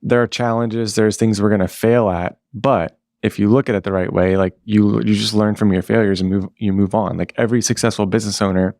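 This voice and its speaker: A man with a very deep voice hosts a local podcast interview. He talks in a relaxed way and sums up his guest's points with many fillers. He is recorded dry and close to the mic. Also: a little fast, hardly any pauses, dry recording. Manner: relaxed, summarizing with frequent fillers. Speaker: podcast host. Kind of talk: casual interview. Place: podcast studio.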